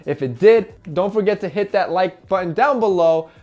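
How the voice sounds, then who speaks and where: A man's voice: high-pitched, moderate pace, darkish tone. A man hosting a casual advice vlog, talking directly to viewers in a coaching way over faint background music. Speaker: men's style vlogger.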